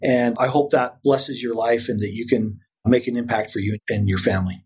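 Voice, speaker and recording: A man's voice: medium pitch, steady tone, fairly quick, darkish tone, breathy edge. A man talking conversationally as an interview guest on a podcast.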